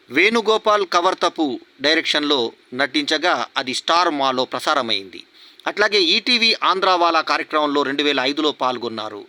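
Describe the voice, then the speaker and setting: Brief: male announcer, high and bright, dry close sound, formal tribute read steadily. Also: no echo. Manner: steady formal reading, links points with set connecting words. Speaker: award announcer.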